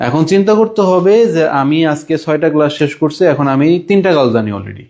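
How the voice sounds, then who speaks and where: Man teaching French, fairly high voice. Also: very animated, a little mellow. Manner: explains in Bengali, slows down to say French phrases. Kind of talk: live online language class.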